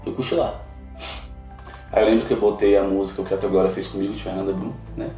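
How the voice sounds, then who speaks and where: A man's voice: sits low, flat delivery, fast, mellow. A man, a guest missionary sharing an emotional personal testimony in a podcast interview. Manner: earnest, emotional storytelling. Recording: roomy, distant mic, faint music.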